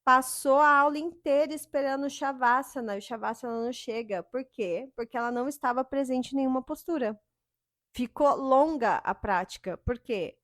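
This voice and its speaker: A middle-aged woman, giving an animated spiritual talk as a yoga and spiritual teacher. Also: a little high, dry recording, clean studio sound. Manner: animated, acts out quoted inner voices with sighing "ai".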